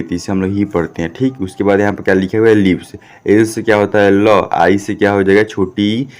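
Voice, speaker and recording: A man with a low, slightly mellow voice teaches an English lesson in a classroom. He spells words out and keeps checking in with "ठीक?", repeating it often and answering the questions he poses himself.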